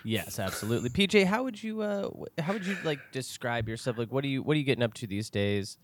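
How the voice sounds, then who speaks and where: A man's voice: medium pitch, expressive, fast talker, a little hiss or hum. A man hosting a casual comedy podcast, chatty and playful, leaning on fillers as he talks. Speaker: podcast host.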